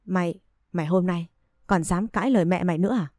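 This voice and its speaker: A woman reading aloud as a spiteful mother-in-law in a storybook reading, tearing into her son's wife with insult after insult, her voice low and mellow with no room sound around it. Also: fast talker, dry recording, studio quality, close to an everyday voice. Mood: scornful, scolding. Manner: shrill insulting scolding. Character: harsh scornful older mother-in-law, domineering woman.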